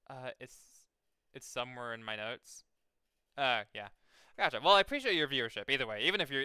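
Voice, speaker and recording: A man's voice: medium pitch, sharp tone, clear, resonant tone, no echo, clean studio sound. A young man streaming a game, chatting casually and reading game text aloud, rambling with many fillers and restarts and swearing freely.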